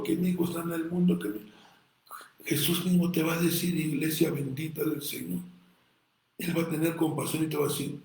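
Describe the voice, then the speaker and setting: A man with a Mexican accent preaches a fervent sermon, his fairly high voice surging loud and then falling to hushed asides. He keeps turning to his listeners as "brother". The sound rings through an echoey church hall. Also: creaky. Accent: Mexican Spanish. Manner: impassioned preaching, swinging between loud bursts and soft asides; addresses listeners as "hermano". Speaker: pastor.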